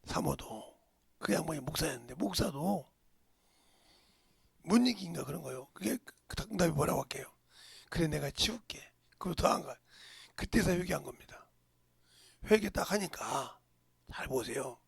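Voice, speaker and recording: A man preaching a sermon as pastor, swinging from shouts to hushed whispers and pressing the congregation with rhetorical questions. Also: on the high side, animated, moderate pace, gravelly, long pauses, husky, no room sound, clean studio sound.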